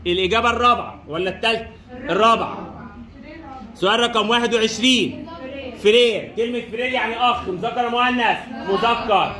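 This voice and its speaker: Speaking fast in a very high, bright and forceful voice, a man with an Egyptian Arabic accent quizzes his French students, saying every question and answer twice. The classroom drill is recorded in an echoey room.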